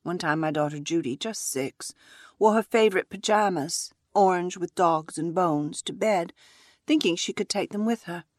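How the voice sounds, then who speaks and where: A woman narrating a first-person story in a measured, reflective way. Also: fairly low pitch, no echo, clean studio sound.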